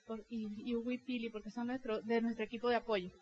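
A woman's voice: a little high, level tone, fast, a little mellow, slightly rough, lo-fi sound. A middle-aged woman speaking to her sales team as a leader, telling personal stories in a heartfelt way and acting out quoted dialogue. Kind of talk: motivational testimonial talk.

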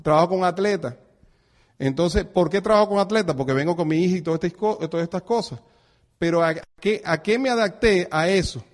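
Animated middle-aged Venezuelan man, higher voice. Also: a little fast. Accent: Venezuelan Spanish. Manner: animated, acts out dialogue, chuckles often. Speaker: network marketing speaker. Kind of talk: motivational talk to an audience.

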